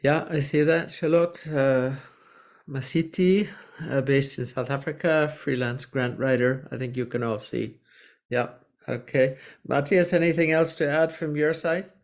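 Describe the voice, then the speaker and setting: A man hosting an online group session over a video call, inviting people to introduce themselves in a relaxed, hesitant way. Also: fairly high pitch, measured pace. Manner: relaxed, hesitant, many ums. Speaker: session host. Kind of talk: casual online moderation.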